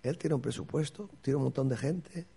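Gravelly, husky man telling stories. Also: mid-range voice, normal speed, mellow. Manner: earthy, swears freely, acts out quotes. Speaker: comic actor guest. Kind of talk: casual interview anecdotes.

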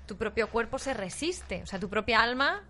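A woman's voice: a little high, animated, moderate pace, sharp tone. A woman host in a casual interview, reflecting aloud as she asks her guest a question.

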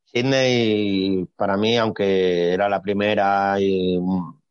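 A man, a retired gymnast explaining his career in a relaxed, blunt, colloquial way during a casual interview. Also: sits low, slow pace, clear, resonant tone, no room sound. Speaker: retired Olympic gymnast, guest. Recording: dry, slightly dull sound.

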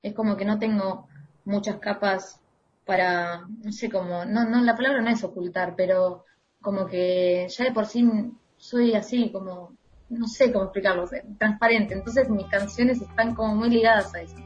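A woman's voice: mid-range voice, steady tone, normal speed, muffled recording, a little hiss or hum. Chatty Argentine woman singer. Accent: Argentine Spanish. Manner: chatty, laughs often, filler-heavy. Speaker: independent singer, guest. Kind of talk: casual interview chat.

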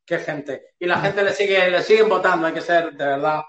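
A man's voice: on the high side, moderate pace, a bit bright, reverberant, highs cut off. A man hosting a political commentary livestream, talking in a sarcastic, mocking way and addressing his target directly. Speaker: stream host.

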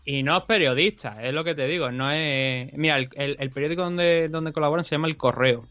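A man with a thick Andalusian accent holds forth in a loose, foul-mouthed podcast rant. His voice is bright and forceful and sits a little high. The recording is dry and slightly dull. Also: fairly quick. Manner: profane, heated ranting. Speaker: podcast co-host. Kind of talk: casual chat.

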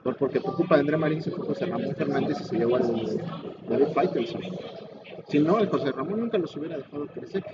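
A man's voice: on the high side, fast. A Mexican man with a casual, opinionated, foul-mouthed way of ranting in heavy slang. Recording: muffled lo-fi audio, clear vehicle noise.

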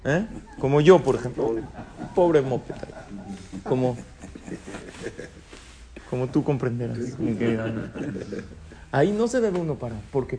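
Guy teaching a torah class, asks stuff then answers it, kinda high pitched, soft hiss behind. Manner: questions the audience and answers himself, light jokes. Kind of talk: Torah lesson in Spanish with Hebrew terms.

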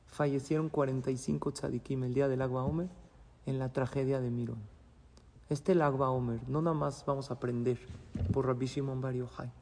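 A man with a rough, gravelly voice that sits a bit high, teaching a religious class. He tells stories with drama and mixes in Hebrew words. His voice carries a long reverb from the synagogue hall. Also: dark tone.

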